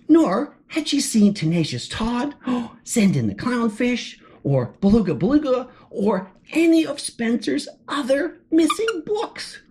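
Fairly high in pitch with a darkish tone, this woman does an animated read-aloud of a picture book for children. She gasps in surprise and asks questions of the listener as the pages turn.

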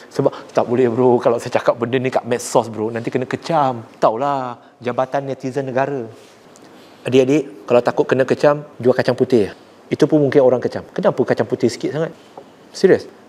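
A man with a Malaysian accent preaching to young people, blunt and forceful, mixing languages and rising sharply to drive points home. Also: mid-range voice. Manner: rises sharply when making a point. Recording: long hall reverb.

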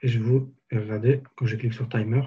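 A man giving a live software tutorial webinar, casually explaining each step as he clicks through it. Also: medium pitch, little pitch movement, fast talker, slightly rough, muffled recording. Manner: casual, explanatory, walks through steps on screen. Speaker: software trainer.

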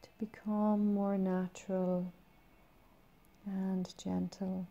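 Very mellow, soft-spoken woman guiding meditation. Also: medium pitch, level tone, highs cut off. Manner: soft, breathy, soothing delivery with long pauses. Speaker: meditation guide. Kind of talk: guided meditation.

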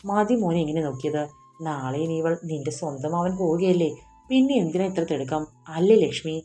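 A woman's voice: low voice, animated, brisk, warm tone, faint music behind. A woman playing a falsely sweet older mother. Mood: sugary.

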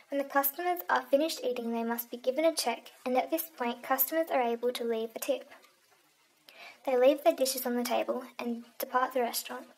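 Young woman, high-pitched, scripted game review, steady read, faint hiss and clicks. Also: rough recording. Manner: reads from a script, evenly, with occasional slips. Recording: faint background noise with clicks.

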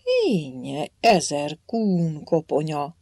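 Woman doing a loud blustering old warrior-king. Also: low voice, huge pitch swings, dry recording, exaggerated voice. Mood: defiant. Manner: loud, blustering, archaic speech. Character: boisterous old Hungarian warrior-king saint, defiant.

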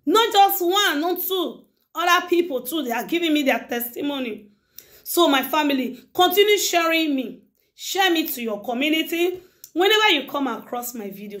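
A middle-aged woman with a high voice talks straight to her viewers in a casual monologue. She sounds emphatic and preachy and drives her points home by repeating them. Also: fairly bright tone. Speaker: YouTuber addressing her viewers.

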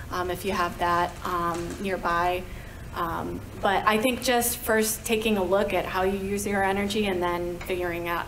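A woman's voice: lowish voice, slight background noise, rough recording. A woman answering a question on a conference panel, hesitant, with many filler sounds. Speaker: energy advisor on a conference panel. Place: large hotel conference room.

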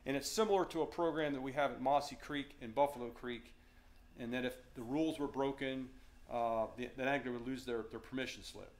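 A man's voice: mid-range voice, steady tone, fairly quick. A middle-aged man with a Virginian accent gives an unscripted slide talk as a fisheries manager, with many fillers and restarts. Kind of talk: slide presentation lecture. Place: darkened meeting room with audience.

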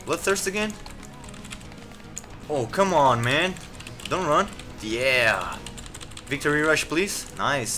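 A man giving live commentary while playing a game, rambling with many fillers and restarts and reacting excitedly to the action. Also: mid-range voice. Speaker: gameplay commentator.

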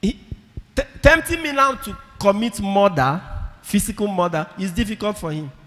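Emphatic priest preaching in a church. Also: male voice, high-pitched, moderate pace, sharp tone. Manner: emphatic, repeats key phrases, calls for audience responses. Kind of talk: sermon. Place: large church with congregation. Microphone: handheld microphone. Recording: long church reverb.

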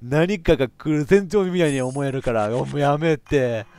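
A man with a giving excitable let's play commentary on a horror game, reacting loudly and laughing often. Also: fairly high pitch, normal speed, clear, resonant tone. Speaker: VTuber game streamer.

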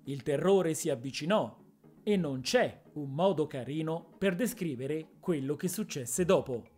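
A woman narrating a fantasy story in a measured, expressive reading style. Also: low voice, husky, soft background music. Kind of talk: dramatic audiobook narration.

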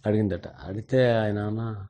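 A man's voice: on the low side, fairly even intonation, moderate pace, warm tone. An older man and senior journalist, earnestly telling a family story in an interview and mixing in English words.

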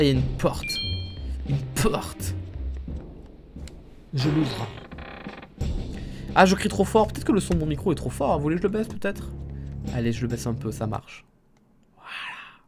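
A man streaming a video game live, joking and reacting excitably to it, recorded on a studio streaming mic. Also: a little high. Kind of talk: live gaming stream commentary. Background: game music.

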